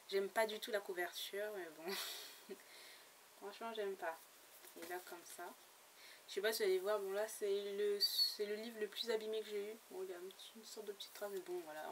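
A woman's voice: mid-range voice, fairly bright tone. A woman chatting casually about books she bought, hesitant and full of fillers and restarts. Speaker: book blogger. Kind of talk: casual book haul vlog. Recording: slightly distant mic with faint background noise.

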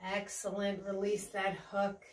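Slow, serene woman giving tai chi cues. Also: medium pitch, completely flat delivery. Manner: serene, encouraging, unhurried cueing. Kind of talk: guided movement lesson with calm step-by-step cues. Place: small carpeted room indoors. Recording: distant mic in a room, faint music. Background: faint music.

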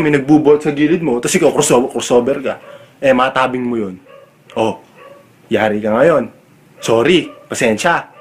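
Loud exasperated young man ranting. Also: a little high. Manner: loud, exasperated, swears freely. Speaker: comedic vlogger. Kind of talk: comedic rant.

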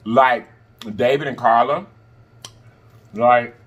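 A man with a husky voice, chatting casually and emphatically as he eats crunchy fried chicken, often pausing and humming between bites. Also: mid-range voice, fairly even intonation, fairly bright tone, lo-fi sound. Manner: eating crunchy fried chicken while talking, with pauses and mm-hums; sassy, emphatic, repeats phrases for emphasis. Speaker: mukbang host. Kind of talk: casual chat while eating. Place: indoors in front of a green backdrop at a table of food.

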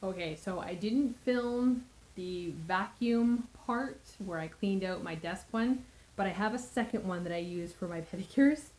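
A woman's voice: medium pitch, measured pace, long pauses, darkish tone, low-quality recording. A woman in her thirties chatting upbeat through a casual how-to vlog, filmed at arm's length. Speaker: vlogger. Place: home room and outdoor deck.

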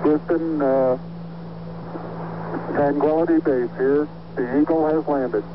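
A man's voice: a little high, fairly even intonation, slow. Man on crackly breaking-up space radio. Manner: terse, clipped number callouts. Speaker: astronaut. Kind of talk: flight callouts over radio. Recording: noisy lo-fi archive space radio.

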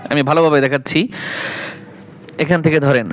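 A man with a Bangladeshi Bengali accent teaching Quran reading, spelling out each syllable and then reciting the verses slowly and drawn out. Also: fairly high pitch, fairly even intonation, highs cut off, a little hiss or hum. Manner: slow drawn-out recitation between quick spelling explanations.

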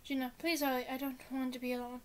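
A panicked, ashamed young woman, as a woman reads her texts aloud in a text story. the voice is high and stays fairly level, with each message read plainly. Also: flat delivery, fast talker, natural voice, rough recording. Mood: distressed.

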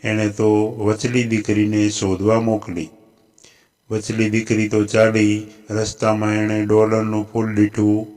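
A man with a Gujarati accent narrating a folk tale in a steady, even storytelling voice. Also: lowish voice, unhurried.

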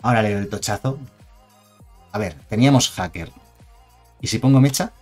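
Low-voiced Spanish man streaming casually. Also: normal speed, darkish tone, faint music behind. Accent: Spain Spanish. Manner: chatty, digressive, reads chat aloud. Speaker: streamer reviewing game cards. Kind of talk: casual live-stream commentary.

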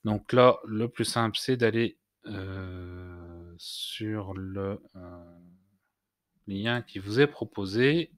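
Male tutorial host, low-pitched, halting delivery with fillers, dry close-miked sound. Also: dry recording. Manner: hesitant, many "heu" fillers and restarts. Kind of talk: screen-recorded software tutorial.

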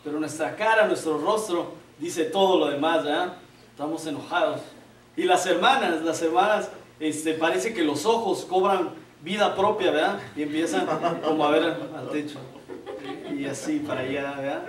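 High-voiced joking preacher. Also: male voice, normal speed, a little hiss or hum. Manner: conversational, joking, asks "¿verdad?" often. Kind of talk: sermon. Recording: echoey, distant room mic, faint ambience.

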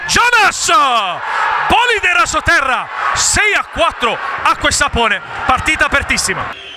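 A man giving breathless, excited Italian goal commentary on a futsal match, shouting and stretching out names as play unfolds. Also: very high-pitched, moderate pace. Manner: excited, shouting and drawing out players' names at goals. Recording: very loud crowd and hall noise behind. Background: sports hall crowd, ball bounces.

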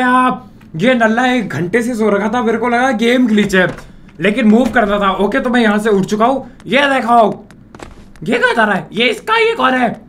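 A gaming YouTuber with a sore throat and a very high-pitched voice gives casual let's-play commentary, with a little hiss or hum in the audio. He's excitable and jokey, teasing and mock-insulting the character he controls.

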